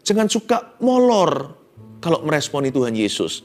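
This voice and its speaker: A man preaching a sermon in an animated way, slipping English phrases into his talk. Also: a little high, normal speed, faint music behind. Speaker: pastor.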